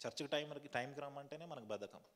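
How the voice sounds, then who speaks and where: A man's voice: mid-range voice, fast, a bit bright, long reverb tail. A man pastor preaching a sermon, asking the congregation questions and leading a fervent prayer. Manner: repetitive fervent prayer cadence. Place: church hall.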